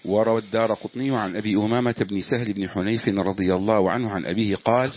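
A man reading a classical religious commentary aloud in measured, formal recitation. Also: steady tone, slight background noise. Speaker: student reading the text aloud. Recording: dull dry low-fi recording.

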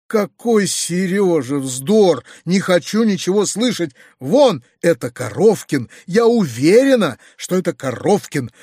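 A man's voice: high-pitched, very animated, measured pace, few pauses, darkish tone, husky, no echo, exaggerated voice. A bossy, suspicious old woman, as a male reader puts her on, scolding shrilly and cutting everyone off. The voice is dry and close to the mic. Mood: indignant. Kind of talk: audiobook character voice.

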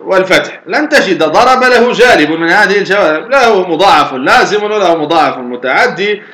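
A man teaching Arabic grammar, asking his students questions, answering them himself, and slowly drawing out example words. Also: high-pitched, lively intonation, pushed and bright, echoey room. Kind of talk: lecture explaining a grammar poem.

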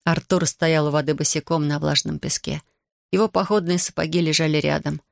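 A man narrating an audiobook in a measured, even reading style. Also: on the high side, vocal fry, no room sound, studio quality.

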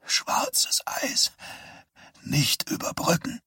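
A man voicing an eager six-year-old boy who calls out high and later murmurs in faint, dazed whispers, in an audiobook. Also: extremely slow, pushed and bright, no room sound, clean studio sound.

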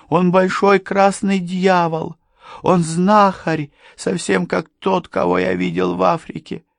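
A panicked, childlike madman who begs and pleads. The voice sits very high and thin, with a clean, dry sound. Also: creaky, darkish tone, no echo. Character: frightened mad young man, childlike.

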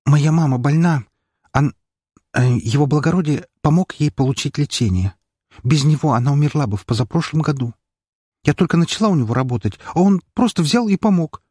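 A distraught young maid in an audiobook, clipped and strained, her hostility barely held back and her voice pitched high and husky, as a man puts her on. The sound is dry and close. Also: lively intonation, a little fast, mellow, no echo. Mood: pleading. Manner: clipped, strained speech through clenched teeth. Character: young maid, grieving, hostile and near tears.

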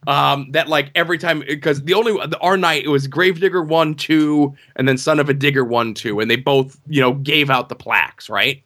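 A man with a bright, fairly high voice tells a long story in casual podcast chat. He rambles, stacks up "like"s and tag questions, and now and then slips into quick mock voices.

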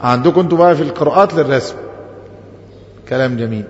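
High-voiced Egyptian sheikh in an echoey hall. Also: male voice, rapid-fire. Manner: drawls out quoted verses and asks the class rhetorical questions. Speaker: Islamic scholar teaching. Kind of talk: classroom grammar lesson. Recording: echoey hall, dull muffled audio.

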